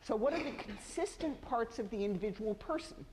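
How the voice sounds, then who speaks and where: A woman's voice: a little high, lively intonation, brisk. A woman teaching a university sociology class in a loose, conversational way, stopping to correct herself and pick up where she left off. Her voice carries a long reverb from the lecture hall, with a faint room hum underneath. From United States. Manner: conversational, self-correcting, with frequent restarts. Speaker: sociology professor.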